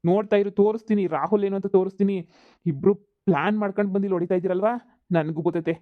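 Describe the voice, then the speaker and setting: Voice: medium pitch, quick pace, no room sound, phone-quality sound, close to an everyday voice. A performer voicing a whining, cornered village husband in a cartoon comedy, pleading and muttering threats. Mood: sulky threats.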